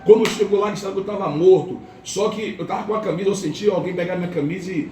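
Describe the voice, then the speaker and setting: At a home worship gathering, a lay preacher with a Brazilian Portuguese accent gives an impassioned church testimony, repeating phrases for effect and acting out other people's voices. His voice is high-pitched, fast and a little mellow, and the recording is roomy and distant with faint noise.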